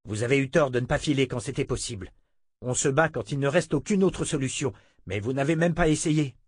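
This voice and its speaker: A man's voice: medium pitch, brisk, no echo, voice pushed up, close to an everyday voice. A man voicing an indignant, principled young swordsman in an audiobook reading. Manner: indignant, protesting.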